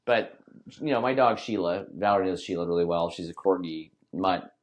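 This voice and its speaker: A man with a fairly low voice talks quickly and loosely, co-hosting a casual podcast. He rambles and restarts his sentences often, piling on fillers as he goes. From Northern California. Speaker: podcast co-host. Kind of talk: casual chat.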